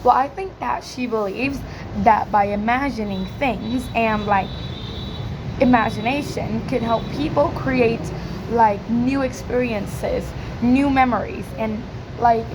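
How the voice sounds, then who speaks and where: Hoarse from yelling, a student presenter speaks in a high voice that croaks and cracks as she practises English. Her informal Q&A talk is slow and hesitant, filled with "like," and the recording is noisy.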